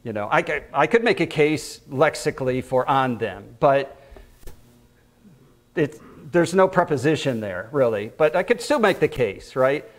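A man's voice: mid-range voice, expressive, unhurried. A man preaching a conversational sermon, quoting scripture, repeating phrases for emphasis and asking the congregation questions. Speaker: pastor teaching. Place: church.

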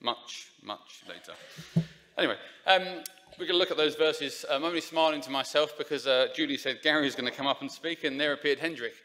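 Standing at a church lectern, a man from Essex, England, gives an informal, chatty sermon full of fillers and restarts. His voice is a little high, brisk, pushed and bright. The sound comes from a lectern microphone in the church sanctuary.

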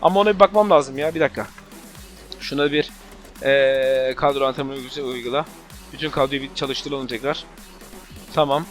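A man streaming his football video game, shouting at players and the referee and muttering to himself while he changes tactics. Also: mid-range voice, normal speed, pauses often, soft background music. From Turkey. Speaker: gaming YouTuber. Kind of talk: live gameplay commentary.

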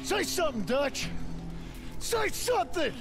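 An actor playing a weary, earnest American gunslinger in a western video game, with a gravelly voice and music under the dialogue. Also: male voice, very high-pitched, big pitch swings, unhurried, full character voice. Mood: earnest, desperate. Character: earnest, weary male gunslinger, pleading and determined.

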